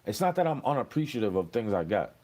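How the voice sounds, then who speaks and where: A man's voice: lowish voice, big pitch swings, fast, a little mellow. A young man, rambling and cursing as he answers questions in a street interview. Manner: rambling, profane, aggrieved.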